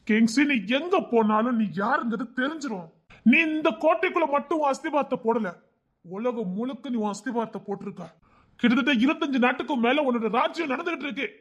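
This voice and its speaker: A man's voice: extremely high pitch, expressive, fairly quick, full character voice. A man with a Tirunelveli Tamil accent voicing an urgent, scolding older-brother ally in an audio story. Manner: pressing, scolding, rising to shouts. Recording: dull lo-fi recording.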